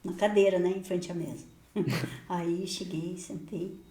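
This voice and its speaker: A woman pastor telling a personal testimony in a podcast conversation, lively and often laughing, acting out the dialogue of her story. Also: on the low side, unhurried, echoey room.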